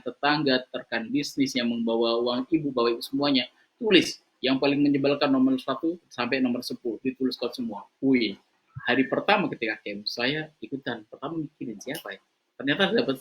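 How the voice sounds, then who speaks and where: A man giving a lively religious motivational talk, telling stories and shouting out the voices of their characters. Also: a little fast. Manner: animated storytelling, acting out voices in a high shout. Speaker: preacher. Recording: slightly dull lo-fi recording.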